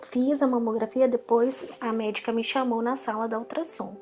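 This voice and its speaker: Brazilian woman in her 30s telling her story, fairly high voice, acts out what people said. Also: moderate pace. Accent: Brazilian Portuguese. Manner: animated, acts out quoted dialogue, frequent restarts. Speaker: guest. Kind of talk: personal storytelling in conversation.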